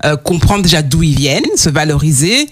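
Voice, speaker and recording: A man's voice: on the high side, animated, fairly quick. A man co-interviewing on a talk show, summarizing the guest's points back to him.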